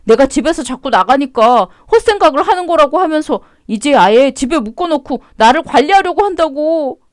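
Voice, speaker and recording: A woman's voice: high-pitched, lively intonation, fairly quick, dry recording, clean studio sound. A woman voicing a cheating middle-aged husband who whines and begs desperately. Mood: pleading. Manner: pleading, whiny.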